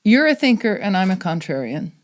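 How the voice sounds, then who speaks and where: A woman's voice: mid-range voice, very animated, a little fast, no echo. A middle-aged woman from Texas, a podcast guest, speaking in an articulate and outspoken way. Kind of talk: conversational interview.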